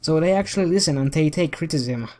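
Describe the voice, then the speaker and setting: A man's voice: on the high side, expressive, fast, a little mellow. A man hosting a commentary video, ranting in a heated, profane and rambling way.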